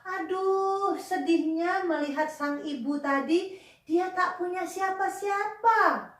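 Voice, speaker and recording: A woman teaching a Sunday school lesson to children, gentle and coaxing, asking them questions and sighing with sympathy. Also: very high-pitched, takes it slowly. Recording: echoey room with faint music.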